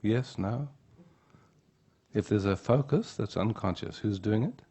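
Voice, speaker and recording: A man giving an unhurried spiritual teaching talk at a retreat. He often checks in with the room by asking "yeah?". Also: fairly low pitch, mellow, husky.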